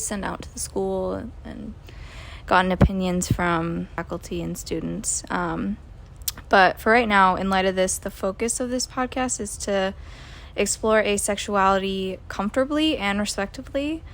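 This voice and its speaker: A woman's voice: mid-range voice, normal speed, creaky. Young woman, twenties, podcast host, casual, um-filled explaining. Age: 20s. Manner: frequent ums, conversational, explaining. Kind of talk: casual college podcast talk.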